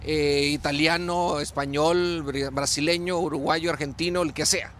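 Man, football panel pundit, emphatic, repeats himself, fairly high pitch. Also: fairly even intonation, measured pace, fairly bright tone, a little hiss or hum. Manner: emphatic, repeats phrases while arguing. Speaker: former player, football pundit. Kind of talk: sports panel discussion.

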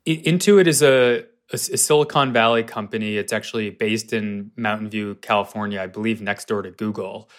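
A man with an American accent explaining things conversationally as an interviewed reporter, halting and rephrasing as he goes. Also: on the low side.

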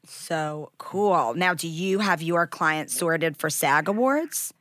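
A woman's voice: deep voice, lively intonation, fairly bright tone, no room sound, clean studio sound. Upbeat woman hosting a podcast. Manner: upbeat, quick reactions and gushing praise. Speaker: podcast host. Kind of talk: casual podcast interview chat.

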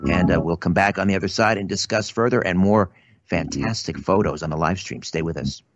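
A man hosting a radio talk show in a conversational, sometimes halting interview style. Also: sits low, lo-fi sound, background noise.

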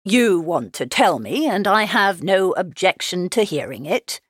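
A woman's voice: lowish voice, slightly rough, no room sound, exaggerated voice. Woman playing a dry, teasing middle-aged husband. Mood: dry curiosity. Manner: deadpan, unhurried, sardonic. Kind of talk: dramatised audiobook character reading.

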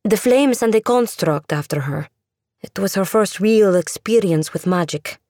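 A woman's voice: mid-range voice, lively intonation, unhurried, a little mellow, no room sound, clean studio sound, lightly acted. A woman voicing an earnest, defensive young Russian woman who works as a magical agent, in an audiobook. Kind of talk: audiobook character voice.

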